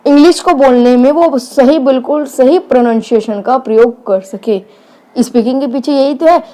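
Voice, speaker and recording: A woman giving an online lecture as a teacher, reading English phrases slowly and then explaining each one. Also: a little high, warm tone.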